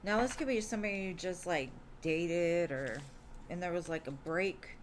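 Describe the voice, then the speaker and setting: A woman with a lowish voice streams live tarot readings at a moderate pace, with slight noise in the background. She's casual and chatty, filling her talk with "like" and "um" and calling her viewers "love."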